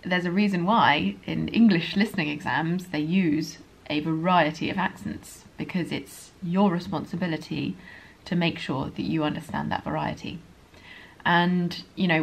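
A woman with a modern received pronunciation accent and a hint of Estuary, an English pronunciation teacher talking quickly and earnestly in a candid vlog. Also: sits low, creaky, husky. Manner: speaks quickly, earnest and apologetic.

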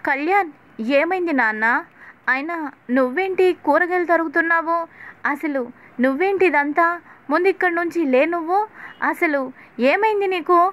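Brief: shrill scolding mother-in-law, sharp and nagging, read by a woman. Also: steady tone, moderate pace, close to an everyday voice. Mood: agitated. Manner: nagging, rising to agitated scolding.

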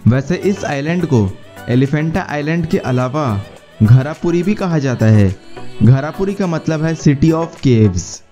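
A man narrating a travel guide in a steady, explanatory tone, mixing English words into his speech. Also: fairly high pitch, takes it slowly. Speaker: travel vlogger. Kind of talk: scripted voice-over narration. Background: faint background music.

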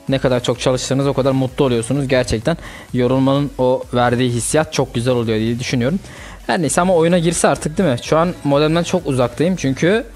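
A young man hosting a gaming channel, chatting casually and reacting excitedly to a mobile fighting game as he plays. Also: medium pitch.

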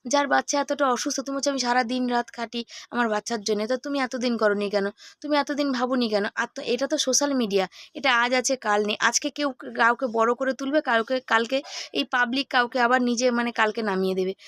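A middle-aged woman talks fast in a high, bright voice that is hoarse from a cold. She chats casually to her viewers as she cooks in her home kitchen. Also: no room sound. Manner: chatty, talks to viewers while cooking. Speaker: vlogger. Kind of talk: casual cooking vlog chat.

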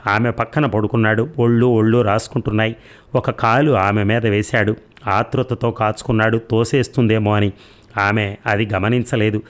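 Male audiobook narrator, low-pitched, calm and measured. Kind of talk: storytelling narration.

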